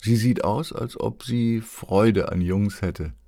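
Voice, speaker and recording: A man reading an audiobook, voicing a cheerful, curious little boy lord with a bright, eager way of talking. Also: lowish voice, slow, vocal fry, pitched above the performer's own voice. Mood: friendly, curious. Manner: bright, curious, excited questions.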